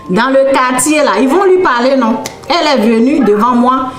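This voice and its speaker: Woman preacher, fairly high voice, chatty storytelling testimony, echoey room. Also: moderate pace, faint music behind. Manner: storytelling, repeats phrases, tags lines with "là" and "hein". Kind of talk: conversational sermon testimony.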